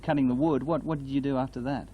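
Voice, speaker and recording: A man interviewing someone casually, asking gentle questions and often acknowledging the answers. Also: mid-range voice, steady tone, fast, breathy edge. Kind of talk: casual oral history interview. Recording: dull, noisy field interview tape.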